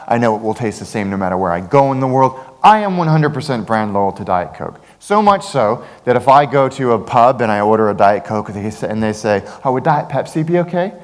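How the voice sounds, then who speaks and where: A man giving a conference keynote talk, telling jokey stories with big swings in his voice. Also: big-room sound. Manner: animated, jokey storytelling with big pitch swings. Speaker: keynote speaker. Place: large conference hall.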